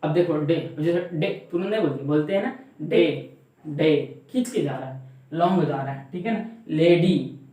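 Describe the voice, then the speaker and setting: A man's voice: a little high, expressive, normal speed, dark tone. A man teaching a class, repeating example words and asking the learners questions back. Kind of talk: classroom grammar lesson. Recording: very echoey room.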